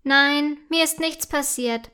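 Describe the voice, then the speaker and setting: A lonely little mushroom who speaks with stern, then gentle warmth, as a woman storyteller puts him on. His voice stays high and unhurried, close to the narrator's own, in a children's audiobook reading. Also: soft background music, heavily acted. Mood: plain. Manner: stern at first, then friendly and laughing. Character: lonely grumpy talking mushroom, male.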